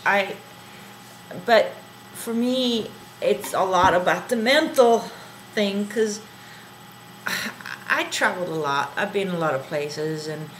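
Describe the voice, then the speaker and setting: A woman in casual conversation, searching for her words with ums and half-finished sentences. Her voice sits at an ordinary pitch, with a faint noise running under the recording. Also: slow pace, rough recording. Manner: hesitant, trailing off with fillers. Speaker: co-host. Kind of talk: casual chat.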